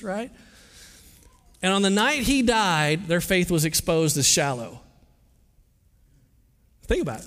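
A man's voice: high-pitched, fairly bright tone. A male pastor preaching a sermon in an earnest, conversational way, often stumbling and restarting his words. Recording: long hall reverb.

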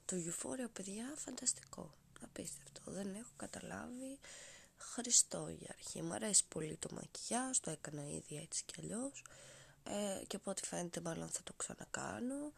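Still stuffed up after a cold, this young adult podcast host rambles sarcastically and casually, frequently sinking into a whisper. Her voice sits on the low side and comes across creaky and slightly rough.

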